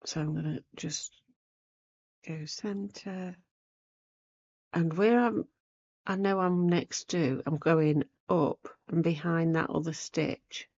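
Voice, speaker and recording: Croaky and hoarse after a cold, this craft host talks through a chatty needlework demo in a low, steady voice laced with gravelly fry. She takes it slowly with frequent pauses, rambling and thinking out loud without a script while she works. The sound is a touch mellow and a bit dull.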